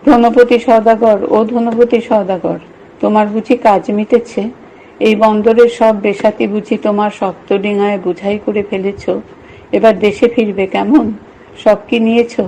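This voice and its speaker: Woman doing a young wife cooing at a baby, soft and doting, mellow low tone, storybook reading. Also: steady tone, a little slow, a little hiss or hum, lightly acted, rough recording.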